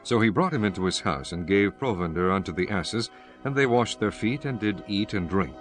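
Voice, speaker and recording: A man's voice: on the low side, expressive, normal speed, faint music behind. A man giving a solemn, formal scripted narration of scripture as the narrator.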